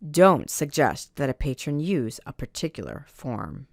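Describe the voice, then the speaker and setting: Woman narrating a library training, gravelly. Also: low-pitched, very animated, dry recording, clean studio sound. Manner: measured, instructional, reads do's and don'ts.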